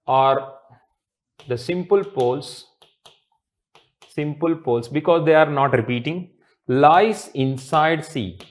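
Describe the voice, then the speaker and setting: A man in his thirties with an Indian accent lecturing on mathematics at a board, often repeating his phrases and checking in with students. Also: medium pitch. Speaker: mathematics teacher. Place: indoor teaching studio with blackboard.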